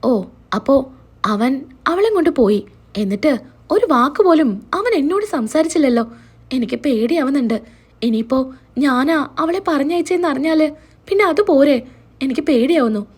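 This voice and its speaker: A frightened, fretting older brother, read by a woman narrator, worried about being blamed. The high, lively voice keeps it a storyteller's reading. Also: normal speed, long pauses. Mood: fearful. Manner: fearful, fretting.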